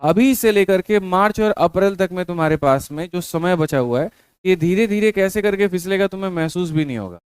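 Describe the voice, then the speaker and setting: A man's voice: sits high, fairly quick, clean tone, no echo. A man giving colloquial motivational study advice to exam students, repeating his points and calling them brother.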